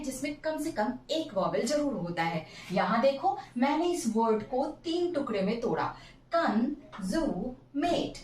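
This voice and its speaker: Lady teacher drilling english words real slow, roomy echo, kinda far from the mic. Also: on the high side, darkish tone, a little hiss or hum. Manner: slow, drawn-out pronunciation drills. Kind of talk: bilingual vocabulary lesson. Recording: echoey room, mic at a distance.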